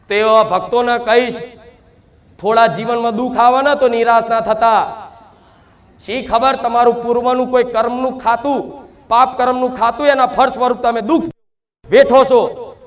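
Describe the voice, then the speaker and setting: Very high-voiced male preacher. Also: steady tone, normal speed. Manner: preaches in first person as the mother goddess, addressing devotees; fervent, repeats rhetorical questions. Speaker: devotional preacher. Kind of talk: sermon.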